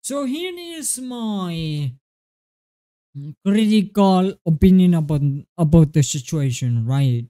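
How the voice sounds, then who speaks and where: A young man with an Estonian accent ranting to his webcam, exasperated and swearing, with halting restarts. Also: high-pitched, animated, mellow. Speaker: gaming video creator. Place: small indoor room at a desk. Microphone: webcam close up.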